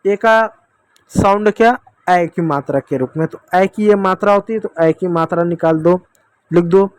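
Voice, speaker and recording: A man's voice: high-pitched, normal speed, no room sound. A man teaching children English phonics, patiently asking questions and answering them himself. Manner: repeatedly addresses kids as dear children.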